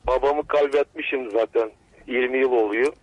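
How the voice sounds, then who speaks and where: A middle-aged man calls in to a radio show over a landline phone, halting and stumbling over his words. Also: mid-range voice, fairly even intonation, dry recording. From Bulgaria. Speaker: caller. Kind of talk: call-in greeting on radio. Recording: dull lo-fi phone line.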